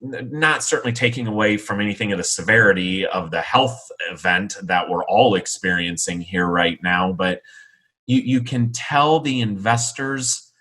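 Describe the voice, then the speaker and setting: A man talking on a podcast as a regular guest, explaining things in a measured way. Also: lowish voice, pushed and bright. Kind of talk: casual podcast conversation.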